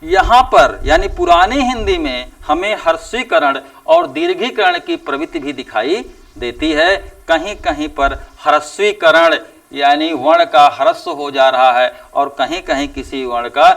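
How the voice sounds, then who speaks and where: Male teacher, higher-pitched and gravelly, drawn-out deliberate lecturing. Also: huge pitch swings, a bit bright, recorded from a distance. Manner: slow and deliberate, stretching out example sounds with emphatic rises. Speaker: Hindi teacher. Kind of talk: classroom lecture.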